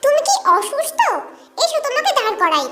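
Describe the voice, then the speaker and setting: A woman's voice: very high voice, big pitch swings, brisk, bright, forceful tone, slight background noise, heavily acted. A woman voicing a feisty, chatty twelve-year-old village girl who pouts and scolds, with music under the voice. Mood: pouty childish. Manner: pouting, scolding, childish.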